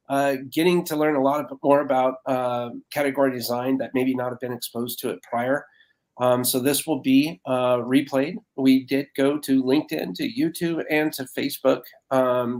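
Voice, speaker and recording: A man's voice: mid-range voice, level tone, normal speed, darkish tone. A man hosting a live online interview, speaking in an ordinary mid-range voice over a video call. He is effusive and grateful, and his talk is full of "uh"s and "um"s as he wraps up. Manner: effusive, thankful, lots of fillers. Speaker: host.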